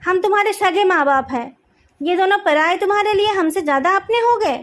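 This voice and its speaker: A woman's voice: very high voice, expressive, moderate pace. A woman voicing an angry, controlling middle-aged mother who scolds her daughter, in a fan story read aloud. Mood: angry scolding. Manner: scolding, raised voice.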